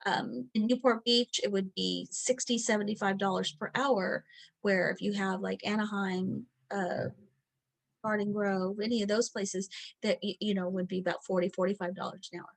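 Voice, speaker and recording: A woman's voice: medium pitch, fairly even intonation, normal speed, creaky. A middle-aged woman teaching a recorded training lesson, chatty and candid, with many fillers and quoted asides. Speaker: training instructor.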